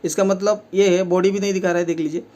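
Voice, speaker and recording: A man with a high, dark-toned voice talks fast and steadily as a repair technician, explaining each step of fixing a table fan in plain terms with lots of fillers. He speaks while working with his hands.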